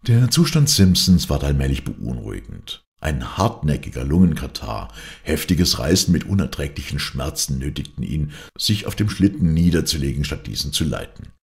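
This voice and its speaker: A man reading a classic adventure novel aloud as an audiobook narrator, in a steady, measured way. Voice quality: very deep, gravelly voice. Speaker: audiobook reader.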